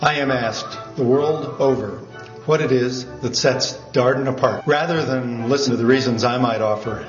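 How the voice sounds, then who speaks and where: A man speaking as a business school dean, giving a measured, formal address to camera. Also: medium pitch. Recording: dull lo-fi audio in an echoey room with loud music.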